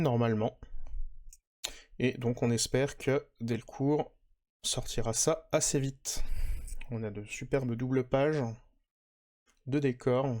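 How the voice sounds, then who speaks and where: A man's voice: mid-range voice, a little mellow. A man hosting a casual manga podcast, chatting with lots of hesitations and fillers. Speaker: podcast host.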